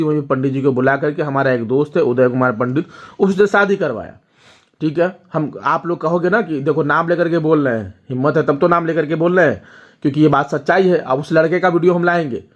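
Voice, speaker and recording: A man's voice: fairly high pitch, lo-fi sound. A young man, a vlogger, telling viewers a family story in casual talk, often checking in with them as he goes. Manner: storytelling, addresses viewers directly with frequent "ठीक है?".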